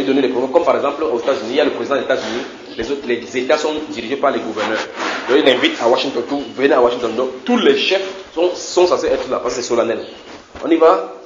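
A man's voice: mid-range voice, roomy sound, dull audio, background noise. A man preaching a sermon in a church, teaching animatedly with frequent repetitions and questions to the congregation. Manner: animated, repeats words, asks the congregation questions.

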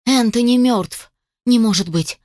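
A woman's voice: on the high side, a little slow, a little mellow, dry recording, voice pushed up, lightly acted. A frightened young woman, read by a female narrator, exclaims in a raised, frantic voice, close to tears. The reading is dry, close to the microphone. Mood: tearful.

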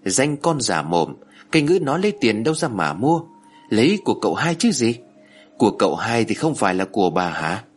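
A bossy old matriarch from a storybook rails and wails at her daughter-in-law, a man putting on her voice. The voice is husky and swoops widely, loud and pushed high. Faint music plays underneath. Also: big pitch swings, a little fast. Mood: mocking. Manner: loud, wailing, scolding. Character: shrill scolding old mother-in-law.

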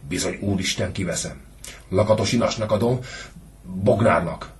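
A man voicing a stern, mocking middle-aged father in a storybook reading, speaking gruffly. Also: deep voice, natural voice.

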